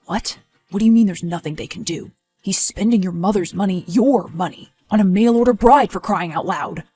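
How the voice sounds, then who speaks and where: A woman playing a supportive, inquisitive male partner in a scripted story, low-key and dry. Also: moderate pace, warm tone, husky, faint music behind, natural voice. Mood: concerned.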